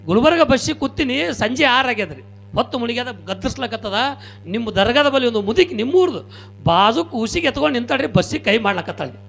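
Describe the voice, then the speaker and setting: A male stage comedian from Kalaburagi with a North Karnataka Kannada accent, telling lively, punchy stories straight to the audience. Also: very high-pitched, a little fast, creaky. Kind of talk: live comic storytelling. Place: stage at a religious gathering.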